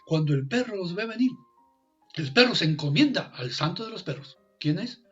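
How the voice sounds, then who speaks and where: A man telling a folk tale aloud, animated, swinging from loud to hushed and repeating phrases for effect. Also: sits high, a little fast, highs cut off, faint music behind. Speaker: storyteller. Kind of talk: oral storytelling performance.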